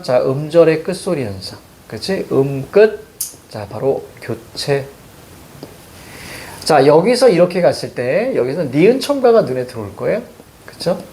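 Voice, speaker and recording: A man's voice: fairly high pitch, a little mellow. A man teaching a classroom grammar lesson, walking through pronunciation rules step by step.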